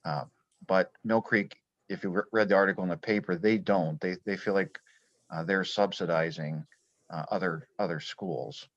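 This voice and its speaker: Male school official explaining at a public meeting, hesitant delivery, somewhat low pitch, muffled low-fidelity sound. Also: steady tone, moderate pace. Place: board meeting room. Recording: dull, lo-fi sound in echoey room.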